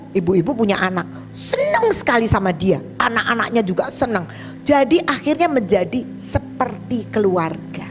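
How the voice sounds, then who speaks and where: Woman preacher, animated storyteller, plays both sides of the talk, soft music under. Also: on the high side. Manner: animated, acts out both sides of dialogues in a chatty colloquial way. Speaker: evangelist preacher. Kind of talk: sermon with storytelling.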